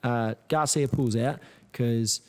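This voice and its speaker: A man's voice: medium pitch, slow pace. A man hosting a podcast in casual, slangy chat, swearing freely. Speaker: podcast host. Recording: echoey room with long reverb.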